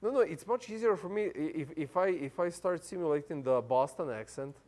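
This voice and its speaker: Brisk and animated, this fairly high voice has a darkish tone. The speaker, a non-native English-speaking pastor in his thirties with a foreign accent, preaches in a chatty, casual way, stumbling through fillers and restarts and laughing easily.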